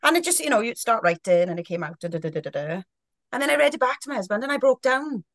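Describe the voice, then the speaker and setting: A woman's voice: a little high, sing-song, fast talker, a bit bright, dry recording, clean studio sound. A woman, talking frankly and expressively as a podcast guest, often restarting her sentences. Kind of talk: candid podcast conversation.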